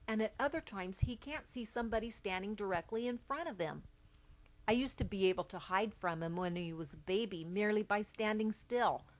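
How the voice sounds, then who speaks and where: A middle-aged woman reads her own account aloud, a mother speaking plainly and evenly. Her pitch sits in the ordinary middle range for a woman, and she keeps a calm, matter-of-fact delivery. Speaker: mother of a child with albinism. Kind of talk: read-aloud personal account.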